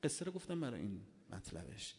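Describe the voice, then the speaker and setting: A male preacher giving an impassioned sermon, swinging between hushed and loud. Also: medium pitch, sing-song. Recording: long hall reverb.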